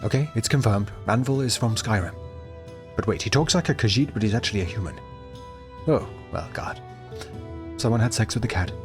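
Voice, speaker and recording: Animated, sarcastic male narrator. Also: fairly low pitch, brisk, long pauses, faint music behind. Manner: sarcastic, mocking. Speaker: video game reviewer, narrator. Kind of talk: comic scripted narration.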